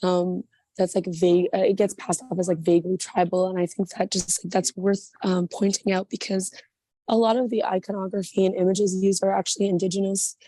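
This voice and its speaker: Woman, mellow and even-toned, voice giving out, earnest and halting, joining a panel by phone from an airport terminal. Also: medium pitch, no echo. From Canada. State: losing her voice. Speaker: panel participant. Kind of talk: spoken remarks at an online panel.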